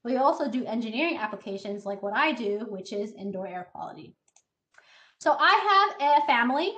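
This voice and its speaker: Her voice is fairly high, bright and forceful, expressive at a normal speed. A scientist in her thirties who is from Taiwan and was raised in the United States, she gives kids a friendly, explanatory online presentation by video call, using filler uhs.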